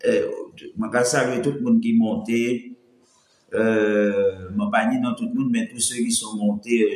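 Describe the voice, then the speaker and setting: A man's voice: medium pitch, darkish tone. A man from the Antilles, chatting casually on a live stream, his light voice cracking when he pushes it, rambling and greeting viewers one by one. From French Antilles. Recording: roomy echo.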